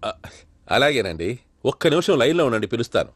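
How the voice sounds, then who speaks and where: An actor playing a sly, coarse-talking rustic uncle who bursts into shouting. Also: male voice, mid-range voice, very animated, fast talker, natural voice. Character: sly rustic middle-aged uncle, blustering. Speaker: elder uncle in a family comedy. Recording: film audio with clear background noise.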